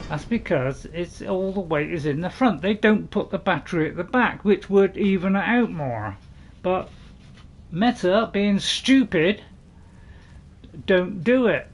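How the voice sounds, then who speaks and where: Brief: male gaming host, chatty rambling commentary with excited outbursts, slightly high pitch. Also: slight background noise. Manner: chatty and rambling, with sudden loud excited shouts. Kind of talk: casual gameplay commentary.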